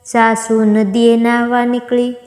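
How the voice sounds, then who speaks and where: A woman narrating a devotional fasting-day story in an even, recited manner. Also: fairly high pitch. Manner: slow, even, recited delivery. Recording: echoey room with long reverb.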